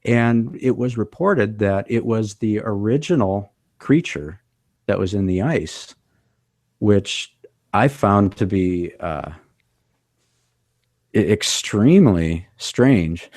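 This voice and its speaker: A man talks on a podcast in a fairly low voice. He explains things in a measured, thoughtful way. The sound is dry and close to the mic. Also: lively intonation, a little mellow, no echo. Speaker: podcast co-host. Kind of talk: casual chat.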